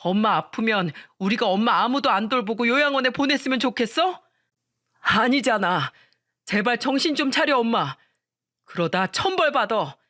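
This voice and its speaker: A woman's voice: fairly high pitch, expressive, normal speed, fairly bright tone, no room sound, studio quality, pitched above the performer's own voice. A woman voicing a young husband who pleads with his wife and argues with his mother. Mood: angry. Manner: urgent, pleading.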